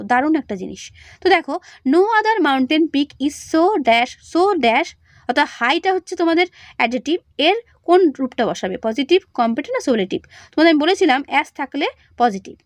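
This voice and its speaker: This is a high-pitched woman with a Bengali accent, teaching an exam revision lesson to schoolchildren. She drops in rhetorical questions and checks again and again that they follow. She reads the example sentences slowly and deliberately, and the recording is dry and close, with no room sound. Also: no echo. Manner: asks rhetorical questions and checks understanding often.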